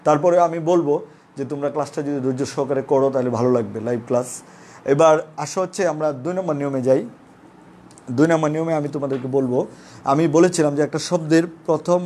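A male teacher with a Bangladeshi Bengali accent gives a live online class, explaining slowly and repeating examples for his students. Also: fairly high pitch, a little mellow, a little hiss or hum. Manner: patient, repetitive explaining, addresses students as friends.

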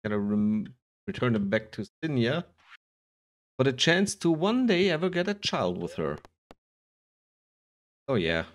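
A man's voice: medium pitch, very animated, a little slow, pauses often. A man giving casual, jokey commentary while playing a farming game, rambling through asides. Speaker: gaming video host. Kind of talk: casual let's-play commentary. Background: game music.

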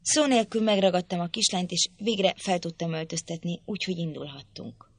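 In a measured, even storytelling manner, a woman narrates a classic novel as an audiobook. Her voice is lowish and slightly rough, with no echo.

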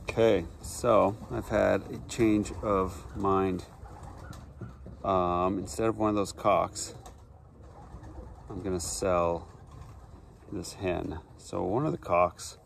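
Slow low-voiced man outdoors. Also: steady tone, gravelly. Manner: unhurried, matter-of-fact, with frequent ums. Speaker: pigeon breeder. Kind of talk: casual show-and-tell. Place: backyard outdoors. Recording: faint outdoor background noise.

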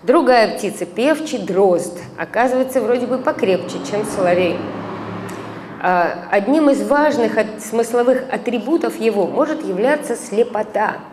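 Standing at a lectern's stand microphone in an indoor conference hall, a middle-aged woman who translates reads her academic paper in a measured way, using hesitant fillers and reciting verse. Her voice is fairly high, expressive, and a little mellow, with long hall reverb and faint hiss.

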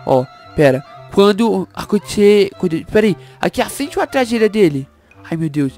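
A woman voicing an excitable baby boy speedster hero in a Minecraft roleplay, bossy and frantic, shrieking when scared. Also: medium pitch, moderate pace, faint music behind, lightly acted. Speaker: channel host.

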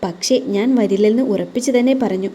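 A guarded young mother from an audio story speaks softly and wearily about her pain, as a woman puts her on. Her voice is mellow and dark in tone. It sits at a plain middle pitch, close to the narrator's own voice. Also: a little fast, husky, natural voice. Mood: weary, hurt. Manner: subdued, weary, soft. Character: hurt young single mother, quiet and guarded.

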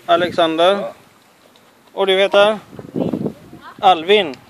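A man's voice: high-pitched, fairly even intonation, noisy background. A man filming at an outdoor skateboard camp, teasing and joking as he asks children their names. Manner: playful, teasing, joking with kids. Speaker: camera operator interviewing campers. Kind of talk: casual handheld video chat. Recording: loud crowd of children chattering.

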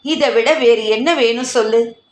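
A woman voicing Kamakshi, a calm and cheerful older grandmother who speaks in a gentle, matter-of-fact way, in an audio story. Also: a little high, unhurried, natural voice. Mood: reflective. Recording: echoey room.

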